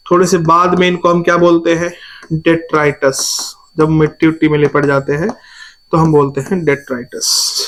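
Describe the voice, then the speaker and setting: Hindi-speaking man teaching, higher pitch. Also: poor audio. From India. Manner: repeats key terms as questions, calls students "babu"; irritated by shouting outside. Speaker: biology teacher. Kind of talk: exam-prep lecture.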